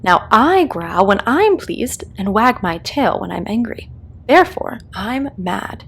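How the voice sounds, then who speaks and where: Storybook grinning cat played by a woman: sly, teasing, swooping intonation, slightly creaky, unbothered by its own madness. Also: medium pitch, very animated, measured pace, heavily acted. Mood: smug, teasing.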